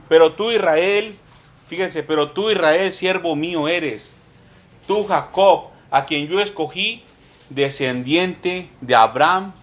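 Male preacher, sermon, slightly high voice, emphatic pauses, repeated appeals to the brethren. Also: a bit bright. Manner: addresses listeners as brothers, slow emphatic Bible reading.

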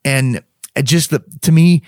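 A man's voice: a little high, takes it slowly, darkish tone, no room sound, clean studio sound. A middle-aged man telling a personal story in casual conversation. He acts out the dialogue and laughs mid-sentence.

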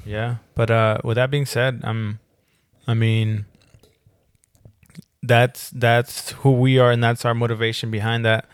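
A man's voice: medium pitch, level tone, a little slow, clear, resonant tone, no room sound, clean studio sound. A young man co-hosting a casual podcast, loose and joking, swearing and laughing often. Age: young adult. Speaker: podcast co-host.

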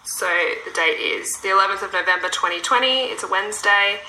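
A woman police constable reads set questions, with fillers, in a formal, procedural recorded interview heard as a played-back police recording. Her mid-range voice is bright and forceful and fairly quick, in an echoey room with faint background noise.

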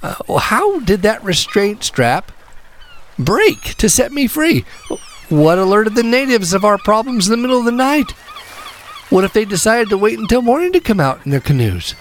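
A man's voice: high voice, slight background noise. A man voicing a young wartime air gunner who asks earnest, devout questions.

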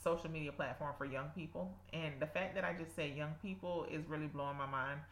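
A woman's voice: sits low, fairly even intonation, fairly quick, fairly bright tone. A woman in her thirties with a South Georgia accent, hosting a casual, folksy devotional podcast. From south Georgia, United States. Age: 30s. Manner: folksy, addresses listeners as y'all. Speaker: podcast host. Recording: roomy, echoing sound.

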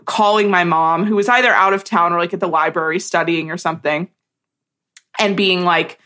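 A woman's voice: lowish voice, steady tone, moderate pace, bright, forceful tone. A young woman co-hosting a podcast, telling stories in casual chat with lots of "like". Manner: chatty storyteller, heavy use of "like". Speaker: podcast co-host.

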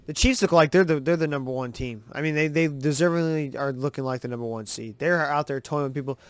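A man hosting a sports podcast, giving excitable, rambling, profane commentary over game footage. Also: a little high, fast, no room sound.

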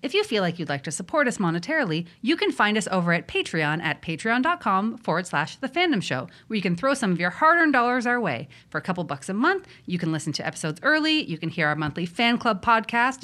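A woman's voice: mid-range voice, quick pace, hardly any pauses. A woman co-hosting a podcast, joking and teasing in casual chat. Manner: joking, teasing, lively delivery. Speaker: podcast co-host.

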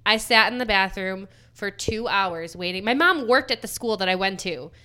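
Young woman with a bright, smooth voice, relaxed storyteller, drops to near-whispers at the end of phrases. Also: mid-range voice, normal speed. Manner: fills speech with "like", trails off quietly. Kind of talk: casual storytelling chat.

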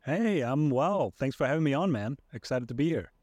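Thoughtful guest from Iceland, dry sound. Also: male voice, medium pitch, expressive, moderate pace, a little mellow, dry recording. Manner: hesitant, many fillers and restarts, thoughtful. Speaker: podcast guest. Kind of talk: casual conversation.

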